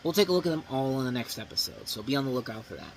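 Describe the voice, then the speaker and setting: A man's voice: mid-range voice, sing-song, rapid-fire, slight background noise, rough recording. A man hosting a movie review show, talking casually and rambling a bit.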